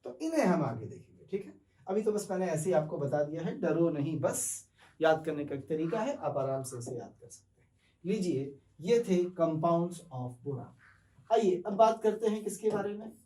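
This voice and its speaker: A chemistry teacher with a slightly high, dark voice lectures very animatedly and fairly quickly, going step by step, questioning and answering himself, and using English terms. The distant microphone leaves him off-mic in an echoey room.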